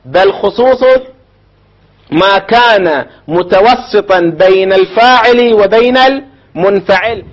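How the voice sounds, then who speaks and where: High-voiced man lecturing step by step. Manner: deliberate, step-by-step, with questions to his listeners. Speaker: teacher. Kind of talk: formal lecture on logic. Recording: dull lo-fi recording.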